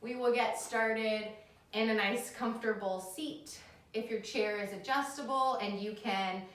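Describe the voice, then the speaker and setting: A woman teaching a guided chair yoga class in a soothing, gentle manner. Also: on the high side. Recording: very echoey room, distant mic.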